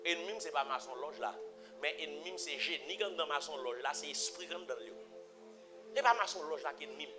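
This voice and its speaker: A man with a Haitian accent preaching a sermon, repeating phrases and swinging from low murmurs to loud emphatic cries. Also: lively intonation, brisk. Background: music.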